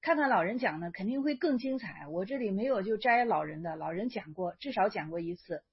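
Husky woman musing through a lesson. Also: mid-range voice, animated, fairly quick, highs cut off. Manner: thinking aloud, self-correcting, many fillers. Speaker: Chan Buddhist teacher explaining a koan. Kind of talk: casual spoken lecture.

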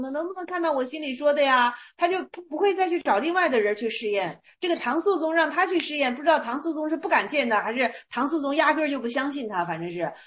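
Woman, high pitch, casual lecture, chatty, rhetorical questions. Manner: chatty, asks rhetorical questions, retells in colloquial terms. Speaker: teacher. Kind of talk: casual lecture on Zen stories.

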